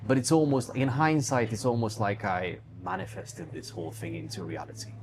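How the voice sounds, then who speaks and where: A man from Hungary, a digital entrepreneur with a book publishing company, answers interview questions in a conversational way about himself and his work. His fairly low, darkish voice moves briskly with big pitch swings.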